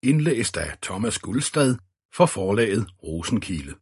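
A man narrates an audiobook in a low, husky voice. His reading is steady and even. The recording is dry and close, with no room sound. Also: dry recording. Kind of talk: scripted narration.

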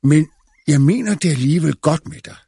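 A man doing a gravelly stingy farmer. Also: a little high, mellow, no echo, studio quality, voice pushed up. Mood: stern. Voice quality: gravelly, rough. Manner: blunt, grudging. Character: stern, stingy old farmer.

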